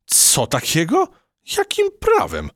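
A man's voice: a little high, wildly swooping pitch, moderate pace, no room sound, clean studio sound, voice pushed up. A man playing a feisty little girl mouse. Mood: indignant. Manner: indignant, bold, curious. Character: feisty young female house mouse.

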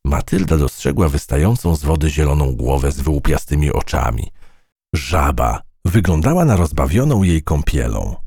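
A man narrating a children's audiobook in an expressive storytelling manner. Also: a bass voice, moderate pace, breathy edge, no room sound, clean studio sound.

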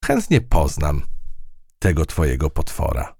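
A man's voice: a bass voice, wildly swooping pitch, unhurried, gravelly, darkish tone, breathy edge, no room sound, clean studio sound, full character voice. A man voicing a tough, one-eyed female field mouse in a storybook reading, brash and scolding. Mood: complaining.

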